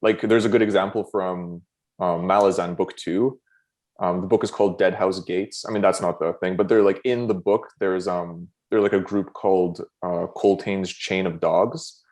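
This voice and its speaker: A lower-voiced man chats on a podcast with clear enthusiasm. He strings thoughts together with lots of "like" and slips into little acted-out reactions as he talks. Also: steady tone, moderate pace, a little mellow. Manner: enthusiastic, filler-heavy, acts out reactions. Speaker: podcast co-host. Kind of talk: casual chat.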